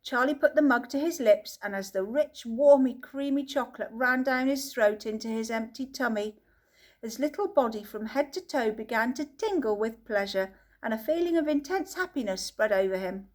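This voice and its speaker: A woman narrating a children's book as an audiobook reader, telling the story in a lively way. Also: a little high, normal speed.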